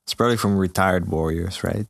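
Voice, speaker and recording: A young man co-hosting a comedy podcast, hesitant and deadpan. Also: low-pitched, fairly quick, gravelly, dry recording, clean studio sound. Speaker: podcast co-host. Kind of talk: casual comedic chat.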